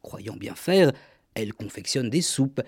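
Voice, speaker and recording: A man's voice: mid-range voice, lively intonation, a little slow, a little mellow, slightly rough, no room sound, clean studio sound. A man hosting a radio show, delivering scripted comic narration in a wry, mock-solemn way. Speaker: radio host. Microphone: studio microphone.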